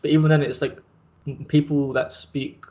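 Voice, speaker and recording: A young adult man hosting a casual chat, talking in a relaxed, rambling way with plenty of filler words. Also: a little high, normal speed. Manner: relaxed, rambling, heavy use of 'like'. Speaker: host.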